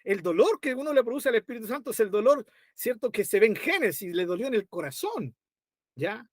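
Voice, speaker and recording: A man preaching a Bible study in an animated, emotive way, often calling the listeners brother. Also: high-pitched, a little fast, no echo, studio quality.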